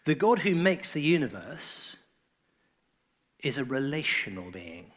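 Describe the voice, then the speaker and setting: A man preaching a sermon in an earnest, emphatic way, his phrases often trailing off softly. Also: medium pitch, big pitch swings, a little slow.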